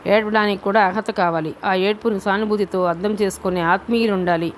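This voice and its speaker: A woman narrating a novel as an audiobook, reading in a steady, deliberate way. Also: mid-range voice, a little hiss or hum.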